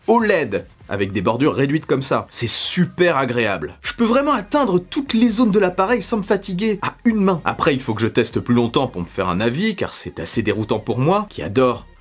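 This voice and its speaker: Husky, lively man unboxing tech. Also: medium pitch, brisk, hardly any pauses. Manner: playful, jokey asides. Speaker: tech YouTuber. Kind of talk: unboxing vlog.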